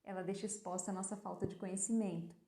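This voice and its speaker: A woman's voice: medium pitch, fairly even intonation, fast, echoey room. A woman talking casually on a live stream about raising children, often asking questions and answering them herself. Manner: explains with rhetorical questions and answers; acts out gentle talks with a child. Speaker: parenting educator.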